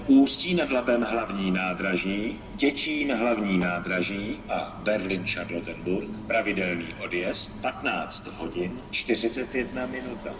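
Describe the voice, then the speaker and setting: A man reading formal railway station announcements in measured, segmented scripted phrases. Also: on the low side. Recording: noisy, distant station public-address recording. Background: station ambience noise.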